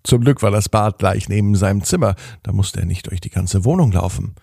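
Man, bedtime story narration, dark husky voice, dry close sound. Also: lowish voice, no echo. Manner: calm, unhurried.

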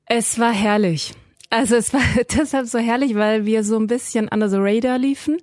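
A woman's voice: medium pitch, a little mellow, no room sound. Chatty woman in a dry studio. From Iranian family. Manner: chatty, many fillers and restarts. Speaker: guest, radio journalist. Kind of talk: podcast interview.

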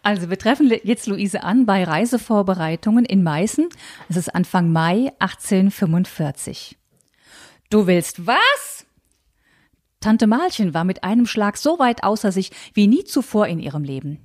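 A woman author telling and reading aloud from her own book, in a lively, conversational manner. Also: mid-range voice, moderate pace.

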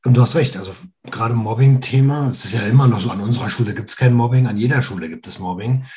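Man, thirties, mid-pitched voice, podcast host, casual, engaged questions. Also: fast, mellow. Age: 30s. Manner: engaged, asks follow-up questions. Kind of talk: casual interview.

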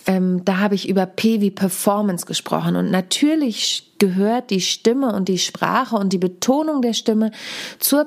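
A woman in her thirties talks alone into the mic as a speaking coach, measured and instructive. Her voice sits at an ordinary middle pitch, and a trace of a recent cold still colours it. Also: darkish tone. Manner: deliberate, coaching tone, demonstrates stresses. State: lingering cold. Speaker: podcast host and speaking coach. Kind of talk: solo podcast talk.

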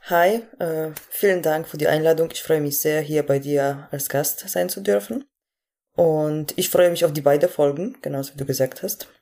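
A Polish woman in her 20s, whose first language is Polish, appears as a podcast guest; she is an athlete and coach. Her deep voice has vocal fry and a dark tone at a moderate pace. She talks casually and hesitantly, with many fillers, and laughs easily.

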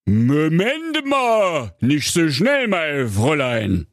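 A man's voice: on the high side, wildly swooping pitch, drawn-out words, dry recording, clean studio sound, voice pushed up, exaggerated voice. A man voicing a pompous, officious middle-aged father who reads out rules pedantically.

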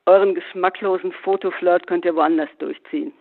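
A man's voice: high-pitched, steady tone, a little fast, vocal fry. A man doing a barking, irritable old father. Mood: indignant. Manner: barking, indignant. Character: gruff older father in hospital, irritable. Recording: phone-like narrow band.

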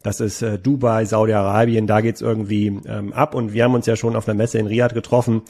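A man's voice: fairly low pitch, flat delivery, a little fast, a little mellow. A man hosting a business podcast, asking long, rambling questions in a conversational interview style. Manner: rambling, speeds up through long run-on questions. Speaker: podcast host.

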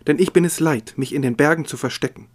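A man reading aloud as a proud, defiant young noblewoman, his voice rising in pitch and force. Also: fast talker, lightly acted. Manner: impassioned, raised pitch and volume.

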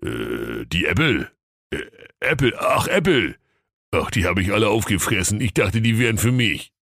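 Guy doing a low dopey bear, lots of ums, dry close mic. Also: fairly bright tone, no room sound. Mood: bumbling. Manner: slow, bumbling, hesitant with many ums. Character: dim clumsy slow male bear.

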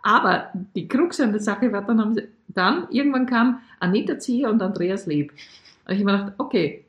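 A woman's voice: mid-range voice, lively intonation, reverberant, dull audio. A woman with an Austrian accent, co-hosting a casual improv comedy podcast, chatty and playful. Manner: chatty, playful, quick to riff. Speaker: podcast co-host.

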